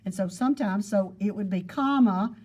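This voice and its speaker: A woman's voice: mid-range voice, normal speed, darkish tone. A woman teaching geometry to a class, explaining patiently and repeating points with everyday examples. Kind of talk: classroom lesson. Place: classroom with students.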